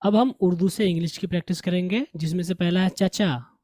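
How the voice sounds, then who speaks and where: A man's voice: sits high, steady tone, brisk, warm tone. A man teaching English vocabulary in a lesson, repeating each word and correcting common mispronunciations. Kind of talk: language lesson.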